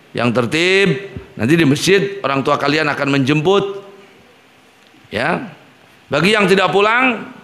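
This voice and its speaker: Man, middle-aged, school head giving students stern, repetitive advice, higher-pitched voice. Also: fairly bright tone. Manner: firm, repetitive admonishing with frequent "ya". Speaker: head of an Islamic boarding school.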